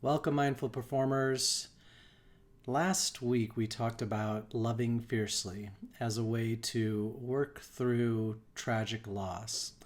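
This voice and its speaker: A man, a life coach, hosting a live wellbeing talk in an unhurried, reflective way, with frequent ums and restarts. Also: mid-range voice, steady tone.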